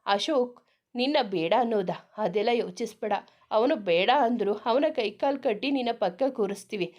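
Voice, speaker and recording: A joking, protective young husband reassures his family with easy humor, as a woman storyteller voices him. The voice stays fairly high for a man. It is a read-aloud audio story. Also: normal speed, darkish tone, lightly acted. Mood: reassuring, joking.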